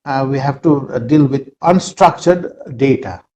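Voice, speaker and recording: Over a video call, a man delivers an online lecture haltingly, full of fillers. He speaks Indian-accented English, Nepali being his native language, in a medium-pitched voice with a dark tone.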